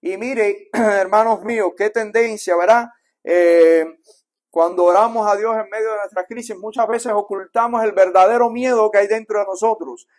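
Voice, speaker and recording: A Cuban-accented male pastor delivers a sermon in a church, his voice sitting fairly high for a man. He preaches in a chatty style, speaking the quotes softly and building up to louder, stronger lines. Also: fairly even intonation, moderate pace. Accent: Cuban Spanish. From Cuba. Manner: conversational preaching, acts out quotes softly then builds in volume. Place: church sanctuary.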